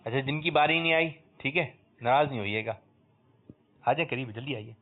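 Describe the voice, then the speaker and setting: Male quiz host, mid-pitched, coaxes answers and praises loudly; tinny lo-fi audio. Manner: coaxing, prompts answers, bursts out praising correct ones. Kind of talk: religious children's quiz show hosting. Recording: tinny lo-fi phone-like sound.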